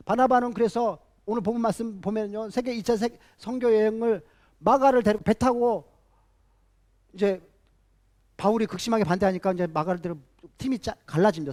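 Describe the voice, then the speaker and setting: A man's voice: high voice, darkish tone. A man preaching a sermon as a pastor, emphatic, repeating key phrases and putting rhetorical questions to the congregation.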